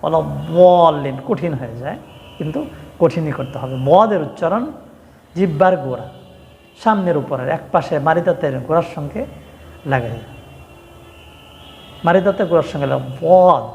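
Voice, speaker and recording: High-voiced man teaching Quran pronunciation. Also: animated, in a large hall, highs cut off, a little hiss or hum. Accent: Bangladeshi Bengali. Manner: explains pronunciation, then chants verses slowly and melodically. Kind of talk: religious lesson with chanted recitation.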